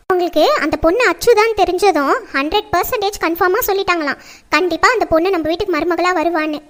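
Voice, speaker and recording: A woman plays a strict middle-aged mother who scolds and lectures without pause. Her voice sits very high and piercing. She pleads and insists in the manner of a family drama. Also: fairly bright tone.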